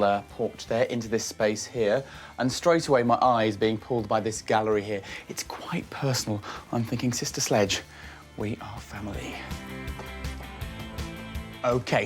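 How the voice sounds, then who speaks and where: A man presenting a property show, touring a house and narrating with playful puns and theatrical asides. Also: mid-range voice.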